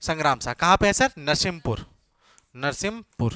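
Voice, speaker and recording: Brisk male teacher quizzing his class. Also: a little high, sing-song, pushed and bright, clear, resonant tone, dry recording. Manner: quizzing students, repeating answers, urging them to hurry. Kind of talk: classroom lecture.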